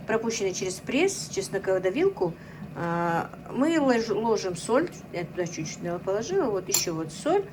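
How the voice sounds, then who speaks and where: A middle-aged woman cooking at home chats to her viewers, constantly calling them friends, in a casual cooking vlog. Her mid-range voice is picked up from a little distance in an echoey kitchen, with a faint hum underneath.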